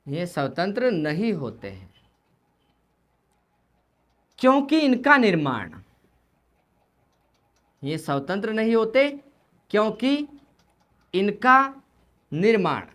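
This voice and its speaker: A woman's voice: mid-range voice, sing-song, slow, long pauses, fairly bright tone. A woman teaching Hindi grammar, repeating key points and asking questions that she answers herself. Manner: repetitive, asks questions then answers them. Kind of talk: classroom lesson explanation.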